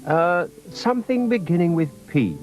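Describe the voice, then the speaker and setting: A man's voice: sits high, big pitch swings, unhurried, darkish tone, faint music behind, voice pushed up. A man voicing a kindly, cheerful mother in a children's story.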